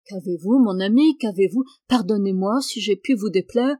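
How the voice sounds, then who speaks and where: An eager young army captain who talks to his new wife in a coaxing, affectionate way, as a woman reads his lines. The voice stays close to the reader's own middle pitch and is recorded dry in a storybook reading. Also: normal speed, warm tone, no room sound, lightly acted. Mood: tender.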